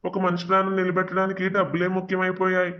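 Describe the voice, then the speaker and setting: A man's voice: high-pitched, completely flat delivery, racing, lo-fi sound, close to an everyday voice. An actor voicing a poor young village husband pleading and arguing for his sick wife in a cartoon drama. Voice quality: pleading, emotional.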